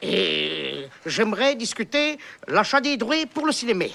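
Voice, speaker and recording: A naive, bumbling comic fool. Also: male voice, high-pitched, big pitch swings, unhurried, vocal fry, sharp tone, slight background noise, heavily acted. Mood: bluffing. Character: naive, bumbling, cheerful middle-aged man. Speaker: film character. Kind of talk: film comedy acting.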